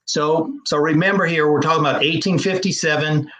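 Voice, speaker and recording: A man, a historian and genealogist, explaining history over slides in an interview, measured and explanatory with frequent fillers. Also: fairly high pitch, steady tone, a bit bright, low-quality recording.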